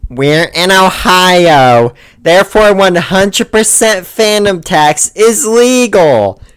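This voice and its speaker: A man voicing a young boy, a menacing cringe kid who talks slowly and ominously. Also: high-pitched, lively intonation, fairly bright tone, clean tone, dry recording, voice pushed up, full character voice. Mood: smug.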